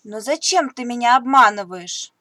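A caring but stern mother mouse from a storybook, voiced by a woman. Firm and motherly, with a high, bright voice and lively pitch. Dry, close recording. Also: moderate pace, no echo. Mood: scolding. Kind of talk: storybook reading.

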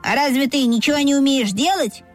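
A woman's voice: high-pitched, fairly quick, soft background music, voice pushed up, lightly acted. A woman voicing a scornful, haughty female crow in a children's story, speaking with contempt. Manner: contemptuous, sniffing.

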